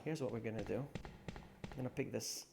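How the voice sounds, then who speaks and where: Over a noisy background and game music, a young man with a gravelly, medium-pitched voice talks at a moderate pace while streaming a game. He chats casually with viewers, laughs often, responds to chat messages, and mumbles to himself as he plays.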